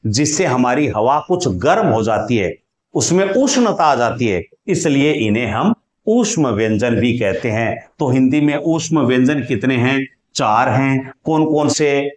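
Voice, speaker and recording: A man teaching a lesson on Hindi consonants, asking questions and repeating sounds slowly for his students. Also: medium pitch, roomy sound. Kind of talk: explanatory grammar lesson.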